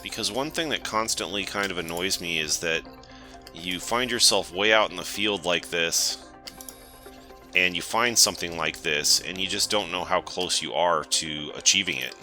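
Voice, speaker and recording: With faint music behind him, a gaming channel host who has a cold offers casual let's-play commentary, relaxed and thinking aloud as he plays. His voice is low and his pace moderate.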